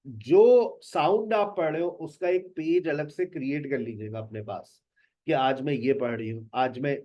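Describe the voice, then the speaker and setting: A man's voice: mid-range voice, normal speed. A male spoken English teacher talking casually to his students, switching between Hindi and English and addressing them directly. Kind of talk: casual lesson talk. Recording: dull lo-fi recording.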